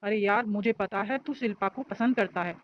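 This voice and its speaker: A woman's voice: medium pitch, normal speed, lo-fi sound, slight background noise, natural voice. A woman voicing a nosy, teasing young male college student in a storybook reading. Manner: joking, nosy banter.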